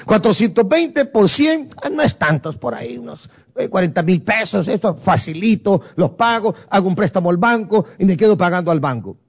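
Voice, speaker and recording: A man's voice: high voice, lively intonation, moderate pace, breathy edge, dull audio. A man preaching a sermon, emphatic and repetitive, slipping into English phrases.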